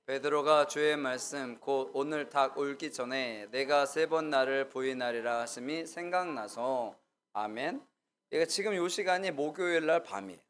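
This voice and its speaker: A man's voice: medium pitch, normal speed, fairly bright tone. Casual storytelling male pastor. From Gyeongsang region. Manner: casual storytelling, asks the congregation questions and acts out quotes. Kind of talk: conversational sermon.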